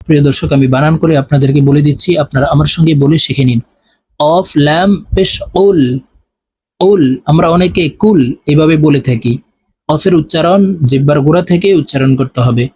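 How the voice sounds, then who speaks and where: Male recitation teacher, high voice, patient letter-by-letter spelling, slow drawn-out chanted verses. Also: darkish tone, slightly rough.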